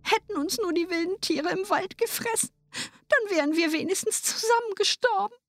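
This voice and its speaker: A woman voicing a frightened young girl in a storybook reading, with a high, pleading voice. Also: lively intonation, unhurried, fairly bright tone, no echo, heavily acted.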